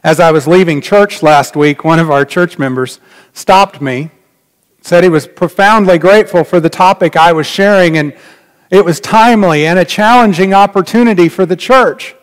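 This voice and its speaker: Standing at the pulpit of a large church, a middle-aged pastor delivers an earnest, reflective sermon in a voice that sits high, at a moderate pace. When he reaches key points, he drops almost to a whisper. Long hall reverb surrounds every word.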